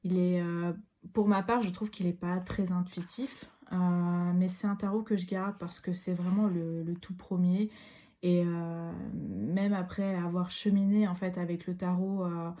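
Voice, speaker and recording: A woman's voice: lowish voice, level tone, a little slow, mellow. A young woman chatting casually in her video, hesitant and full of fillers and restarts. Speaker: tarot vlogger.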